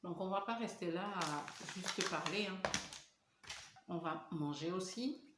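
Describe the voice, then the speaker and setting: A Senegalese woman in her thirties chats casually in a mukbang vlog, talking between bites. Her voice is fairly low with a measured pace, recorded in an echoey room with faint hiss.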